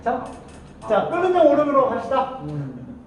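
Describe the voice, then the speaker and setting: A man's voice: very high voice, huge pitch swings, normal speed. A male teacher telling his class a playful story, acting out quoted voices and laughing often. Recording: echoey classroom from far off, faint noise.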